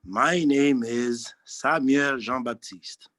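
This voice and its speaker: In a testimonial interview, a man in his 40s from Haiti, a social worker, speaks earnestly but haltingly, frequently starting sentences over. His voice is mid-range and fairly bright, recorded with no room sound.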